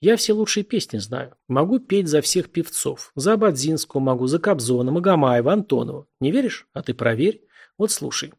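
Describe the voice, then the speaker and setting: A man's voice: on the high side, animated, moderate pace, creaky, a little mellow, breathy edge, full character voice. Man reading a cocky young guy, sure of himself, bragging. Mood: boastful. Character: boastful confident young man.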